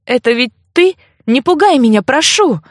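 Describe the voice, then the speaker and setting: A woman voicing a frightened young heroine, her own voice pitched higher and pleading. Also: very animated, a little slow, dry recording, clean studio sound. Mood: alarmed, pleading.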